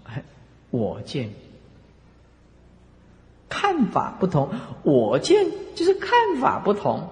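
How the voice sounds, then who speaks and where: A Buddhist monk lectures in a high, animated voice that leaps up and down in pitch. He presses his points with emphatic rhetorical questions. His voice rings out with a long reverb, as if he is in a large lecture hall. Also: takes it slowly, pauses often. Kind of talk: dharma lecture.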